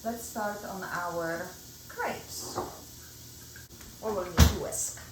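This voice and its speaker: A middle-aged woman with a Polish accent talks unhurriedly as she cooks. She chats through each step in her home kitchen. Her voice rings around the hard-surfaced room, with a clear steady hum of noise behind her. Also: fairly low pitch, extremely slow, echoey room. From Poland. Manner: chatty, explains each step while working. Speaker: cooking show host. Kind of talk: home cooking demonstration.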